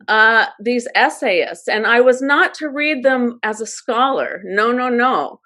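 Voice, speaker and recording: A middle-aged woman academic speaking on a roundtable panel, thoughtful and halting, with frequent ums and restarts. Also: medium pitch, a bit bright.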